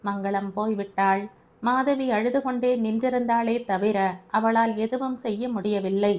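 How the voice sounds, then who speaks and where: A woman narrating a family audio novel in a steady storytelling manner. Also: on the high side, measured pace.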